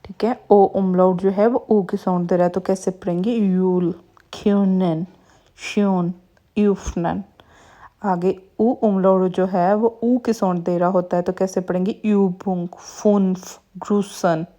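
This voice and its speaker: A woman teaching German pronunciation, reading example words slowly one at a time and explaining each rule. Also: medium pitch, fairly even intonation, dark tone. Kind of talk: slow pronunciation lesson.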